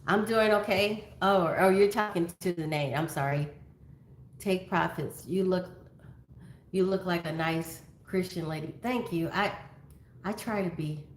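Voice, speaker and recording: Woman, 50s, livestream host, casual chat, low-ish voice, echoey room. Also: unhurried, slight background noise. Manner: chatty, greets viewers by name, drifts into stories. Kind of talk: casual livestream chat reading viewer comments.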